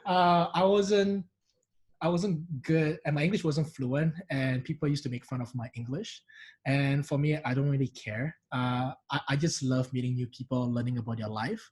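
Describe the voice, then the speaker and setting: A man's voice: mid-range voice, fairly even intonation, normal speed, a little mellow, husky, rough recording. A man from Indonesia with a mixed Singaporean and Indonesian accent, chatting animatedly as an interview guest with many restarts. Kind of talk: casual interview chat.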